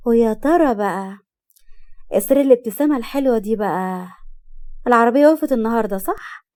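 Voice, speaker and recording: A woman voicing an excitable, nosy teenage younger sister who teases and fires off questions, in an Egyptian accent. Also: a little high, natural voice. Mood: teasing. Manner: teasing, rapid-fire questions.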